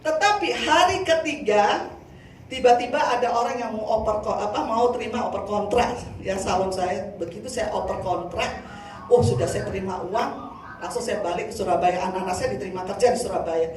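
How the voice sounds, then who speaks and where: An older woman evangelist from Indonesia giving a lively sermon testimony, often turning to the congregation. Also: mid-range voice, fairly quick. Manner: lively storytelling, addresses congregation as saudara. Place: church hall. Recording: echoey hall from far off, faint noise.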